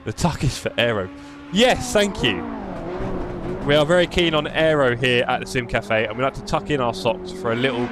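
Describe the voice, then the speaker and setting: This man, speaking at a moderate pace in a mid-range voice, has a London English accent. While playing a racing game on stream, he's chatty and jokey, reading his chat aloud as he goes.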